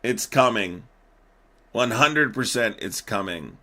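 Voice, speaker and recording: A man's voice: on the low side, animated, slow pace, pushed and bright. A young man hosting a live stream, riffing profanely and animatedly, laughing as he talks. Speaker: streamer host. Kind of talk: casual live-stream commentary.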